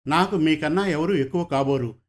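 A man's voice: a little high, fairly quick, close to an everyday voice. A man reading as an earnest young son. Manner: earnest, heartfelt. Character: young unmarried son, hurt but earnest. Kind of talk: storybook reading.

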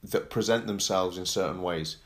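A man co-hosting a casual chat who reacts quickly and muses out loud. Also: sits low. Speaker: podcast co-host.

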